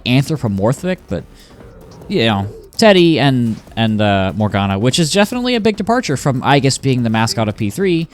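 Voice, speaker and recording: Animated rambling game streamer, man. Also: medium pitch. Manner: rambling, animated, laughs often. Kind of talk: casual gameplay commentary.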